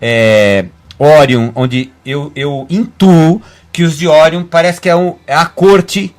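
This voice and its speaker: A Brazilian man, a guest medium, talking fast in a rambling way with many restarts on a web radio show. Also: a little high, steady tone. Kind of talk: casual radio talk.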